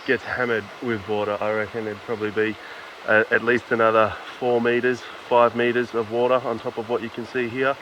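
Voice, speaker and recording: A man giving casual on-location commentary outdoors in a rainforest, halting and full of "uh" fillers. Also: medium pitch, pushed and bright, muffled recording. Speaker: field presenter. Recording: outdoor field recording with noticeable background noise.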